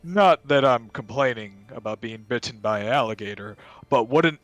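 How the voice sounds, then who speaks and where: A man playing his character at a tabletop game, with dry, deadpan remarks. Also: medium pitch, moderate pace, no echo, muffled recording, soft background music. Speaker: player.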